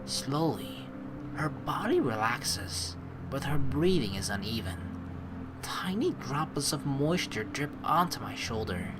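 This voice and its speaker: A man with a medium-pitched voice hosts a let's play, shifting informally and ramblingly between casual game commentary and dramatic read-alouds of story text. He's very animated but speaks at a measured pace, with game music and other background noise.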